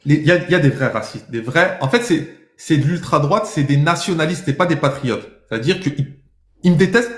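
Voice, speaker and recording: Insistent French man, lively high voice. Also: echoey room. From France. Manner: insistent, emphatic, presses with rapid questions. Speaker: TikTok live host. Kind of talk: heated live-stream debate.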